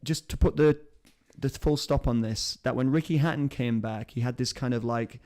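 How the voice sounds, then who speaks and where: A man's voice: medium pitch, moderate pace, warm tone. A man hosting a live-stream chat, rambling and enthusiastic as he talks. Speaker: show host.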